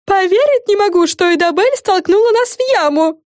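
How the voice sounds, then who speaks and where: Brief: bossy showoff fairy girl, very high and dry, read by a woman. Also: lively intonation, normal speed, a little mellow, no echo. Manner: bossy, self-important.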